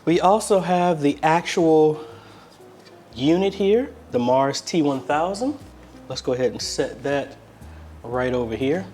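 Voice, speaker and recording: Indoors in his apartment, an American video host from a church media ministry does a casual, unscripted unboxing as he thinks aloud. He speaks a little slowly with a slightly high, darkish, animated voice, and faint music can be heard behind him.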